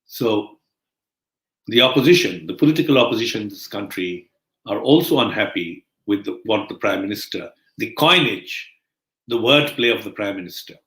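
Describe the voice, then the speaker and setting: A man delivering a spoken news commentary as host of a bulletin, slow, deliberate and emphatic with pauses. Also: lowish voice, animated, a bit bright, echoey room, poor audio.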